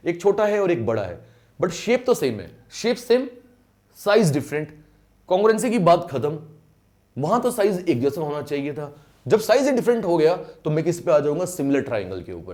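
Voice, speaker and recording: A man's voice: mid-range voice, dark tone. A male maths teacher giving an online lecture, explaining step by step, repeating key terms, drawing out English phrases and often checking that students follow. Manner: mixes in English phrases, drawn out when stressed.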